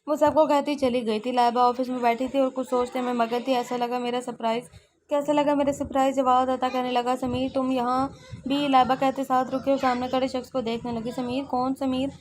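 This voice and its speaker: A woman's voice: high voice, little pitch movement, fairly quick, slight background noise. A woman reading a romance novel aloud as an audio story, giving all the characters her own voice, with frequent slips and self-corrections.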